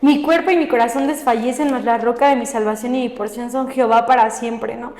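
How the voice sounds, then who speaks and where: A woman's voice: a little high, steady tone, fairly quick, a little mellow. A woman sharing her personal faith testimony in a podcast conversation, often ending phrases with a questioning tag. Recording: echoey room with long reverb.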